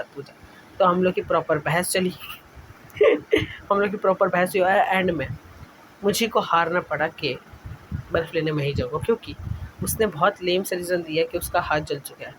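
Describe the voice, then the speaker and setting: A man's voice: high voice, fairly even intonation, a little fast, fairly bright tone. A young man narrating his home vlog in a casual voice-over, chatty and rambling, often correcting himself mid-sentence. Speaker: vlogger. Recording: noisy voice-over recording.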